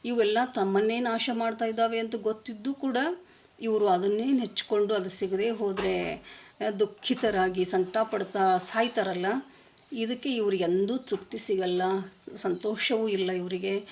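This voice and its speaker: A woman's voice: mid-range voice, fairly even intonation, a little slow, a little mellow. A woman telling moral stories in an earnest, emphatic way. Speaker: moral storyteller. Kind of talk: moralizing storytelling talk.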